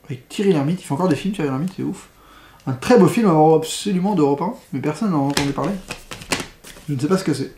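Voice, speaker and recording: A man's voice: a little high, fast, reverberant, noisy background. A man giving casual commentary on a box of films, blunt and slangy, full of rambling asides. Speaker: film critic vlogger.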